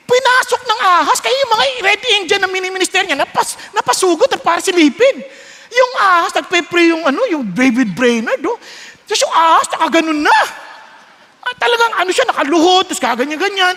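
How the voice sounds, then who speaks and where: A man preaching a sermon, storytelling with lively switches between Tagalog and English and acting out voices. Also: extremely high pitch. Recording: long hall reverb.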